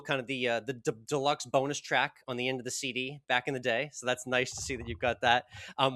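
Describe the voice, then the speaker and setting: A man's voice: mid-range voice, bright, forceful tone, no echo, clean studio sound. A man hosting a podcast, asking questions in an upbeat, casual way. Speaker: podcast host. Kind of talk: podcast interview.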